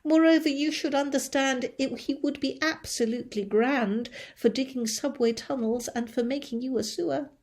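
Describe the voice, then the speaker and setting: A woman's voice: high-pitched, moderate pace, few pauses, pitched above the performer's own voice. A woman voicing a cheerful, friendly small boy who calls out eagerly in a storybook reading. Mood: proud. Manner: bright, eager calling out.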